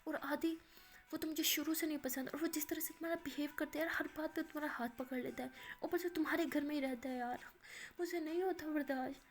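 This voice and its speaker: A remorseful young woman pleads with her girlfriend in a spoken love story, voiced by a woman narrator. Her voice sits somewhat high and sounds emotional. She keeps begging to be forgiven. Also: fairly even intonation, quick pace. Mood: pleading.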